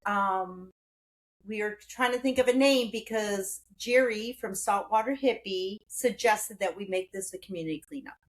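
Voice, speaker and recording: A retired woman on a podcast, chatting casually and pausing often to find her words. Her voice sits at a middle pitch. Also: poor audio. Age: older. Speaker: guest, beach cleanup co-founder.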